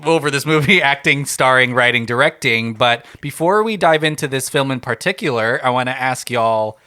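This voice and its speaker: A man's voice: mid-range voice, moderate pace, clear, resonant tone. A man hosting a casual podcast chat, laughing often and talking through a case of hiccups. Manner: laughs often, animated and self-deprecating. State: has hiccups. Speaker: podcast host.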